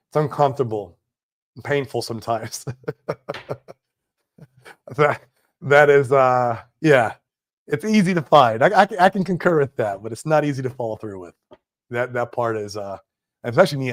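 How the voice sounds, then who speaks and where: Male streamer in his forties, casual and slangy, mid-pitched, unhurried chat. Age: 40s. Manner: laid-back, slangy, trailing off with "man" and "dude". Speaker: livestream host. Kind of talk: casual livestream chat reading viewer comments. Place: home in Puerto Rico.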